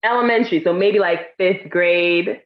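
A woman's voice: lowish voice, moderate pace, highs cut off. A woman from Harlem, New York, co-hosting a casual chat and telling stories with a laugh. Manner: laughing, chatty storyteller. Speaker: co-host.

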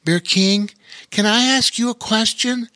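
A man's voice: high-pitched, fairly even intonation, measured pace, pushed and bright, no room sound, voice pushed up. A man doing a curious young boy. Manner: inquisitive, questioning.

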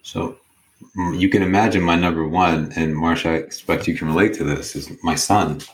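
A man's voice: sits low, steady tone, moderate pace. A man speaking as a podcast guest, thoughtfully sharing personal reflections and often checking for agreement. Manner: thoughtful, tag questions seeking agreement.

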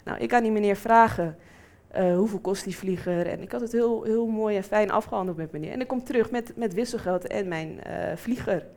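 A woman's voice: medium pitch, brisk, creaky. A woman in her twenties telling a personal story and acting out the people in it. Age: 20s. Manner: lively, acts out quoted voices.

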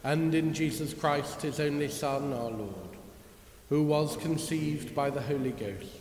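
A man formally reciting a creed at a measured pace in a church service, with cathedral echo around his voice. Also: on the high side, a little mellow. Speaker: worship leader. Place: large reverberant church, indoors. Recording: cathedral echo, long reverb, hiss.

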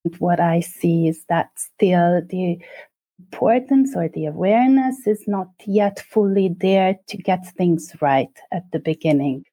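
Hungarian woman in her forties, lowish warm voice, measured interview guest. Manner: measured, with thoughtful pauses and restarts.

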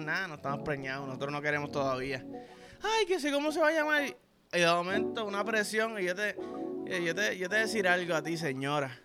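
A man's voice: high-pitched, bright, forceful tone. A Puerto Rican man hosting a podcast, telling a crude, profane, rambling story in slang-heavy casual talk. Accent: Puerto Rican Spanish. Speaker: podcast host.

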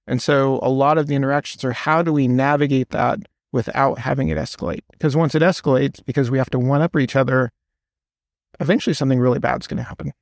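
A man's voice: mid-range voice, steady tone, fast, vocal fry, dry recording, studio quality. A man, a podcast guest, explaining at length in casual conversation and telling stories with quoted voices.

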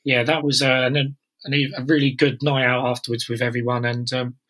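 A man's voice: mid-range voice, little pitch movement, normal speed, a bit bright. A man from the London area telling a meandering football story in casual chat, with many fillers. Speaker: podcast co-host.

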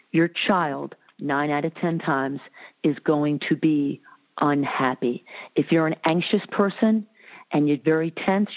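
Woman host, animated storyteller, low-pitched, dull lo-fi sound. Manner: animated storyteller, jumps into high voices for quotes. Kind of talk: casual interview chat.

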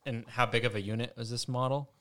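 A man's voice: mid-range voice, steady tone, quick pace, a bit bright. A man hosting a podcast, asking a farmer straightforward questions with the occasional light joke. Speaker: podcast host. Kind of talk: interviewing.

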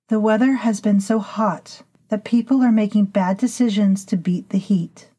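A woman voicing a centuries-old female vampire historian who talks in a slow, formal, lecturing way to her initiates. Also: medium pitch, mellow, slightly rough. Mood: scolding. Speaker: narrator of a vampire storytelling podcast. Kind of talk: scripted audio fiction monologue.

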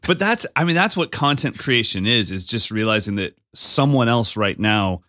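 A man co-hosting a casual podcast conversation, telling stories with animated energy and slipping into voices when he quotes people. His voice sits a little low for a man, recorded close and dry with no room sound. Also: moderate pace, no echo. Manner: animated storyteller, acts out quotes. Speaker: podcast co-host. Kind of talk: casual chat.

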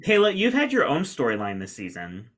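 A man's voice: medium pitch, huge pitch swings, fairly quick, fairly bright tone. A man hosting a podcast, chatting in a playful, joking way. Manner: playful, jokey. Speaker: podcast host. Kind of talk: casual podcast chat.

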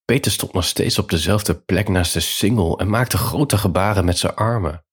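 Deep gravelly man reading a bedtime story. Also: normal speed. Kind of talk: scripted bedtime story narration.

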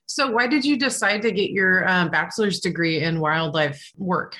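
A woman's voice: fairly low pitch, normal speed, sharp tone. A woman hosting a podcast and asking a guest questions in an encouraging, upbeat way. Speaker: podcast host. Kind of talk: casual interview questions.

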